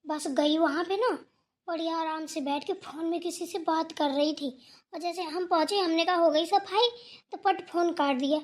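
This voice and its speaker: A woman's voice: extremely high pitch, fairly even intonation, moderate pace. A woman voicing a young village daughter-in-law in a cartoon who complains dramatically and tells tales. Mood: tattling. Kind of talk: cartoon voice acting.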